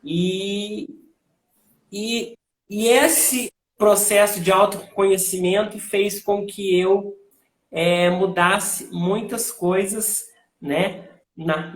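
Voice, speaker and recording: A man, a lawyer speaking as a guest on a live online interview over a video call. He talks in a measured, reflective way. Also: on the high side, a bit bright, roomy sound. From raised in Minas Gerais, Brazil.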